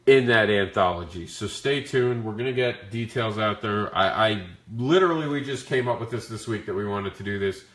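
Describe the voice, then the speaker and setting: A man with a deep-leaning, growly voice roughened by flu hosts a casual Q&A stream. He talks informally to his viewers, and the sound is noticeably roomy and echoey. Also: fairly bright tone. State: sick with the flu. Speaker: comic creator hosting a Q&A. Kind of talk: casual livestream Q&A talk.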